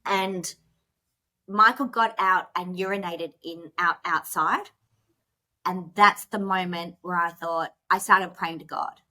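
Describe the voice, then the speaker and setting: A woman's voice: fairly low pitch, steady tone, slow, sharp tone. A woman who is a podcast guest, telling a personal story in a rush, with many fillers and restarts, and emotional at moments.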